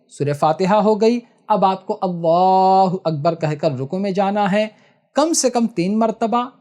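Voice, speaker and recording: A man teaching how to perform a prayer, step by step and patiently, often checking that listeners follow and chanting the recitations slowly. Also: high-pitched, a little mellow. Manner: slow, drawn-out chanting in recitations. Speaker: prayer instructor. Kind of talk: step-by-step religious tutorial.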